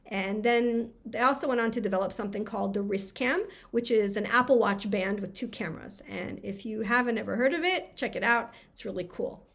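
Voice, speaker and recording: American woman with a scratchy, gravelly voice. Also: fairly high pitch, highs cut off. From USA. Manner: friendly and quick-talking. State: scratchy voice from a cold. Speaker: conference speaker. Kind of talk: recorded conference talk. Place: home room lined with books.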